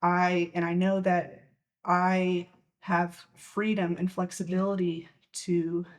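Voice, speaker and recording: A woman's voice: on the low side, little pitch movement, slow pace. A young woman co-hosting a casual podcast, a little out of breath, chatting with frequent restarts and laughs. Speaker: podcast co-host.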